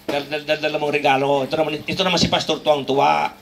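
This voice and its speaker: Filipino male pastor, high bright voice, chatty joking sermon with emphatic peaks; casual church preacher. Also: level tone, fast. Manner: conversational, joking, switching between Tagalog and English, rising emphatic peaks.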